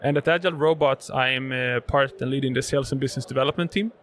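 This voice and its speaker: Quick and a bit bright in a mid-range voice, this robotics sales manager from Sweden speaks conversationally as an interview guest at a live event podcast booth. Swedish is his first language, and his explanations are packed with fillers and repetitions; there's slight background noise.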